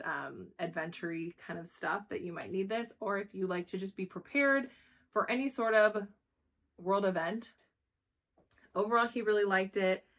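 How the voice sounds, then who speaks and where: A woman's voice: fairly low pitch, fairly bright tone, slight background noise. A woman hosting a casual product review, talking informally and conversationally as she explains things to viewers.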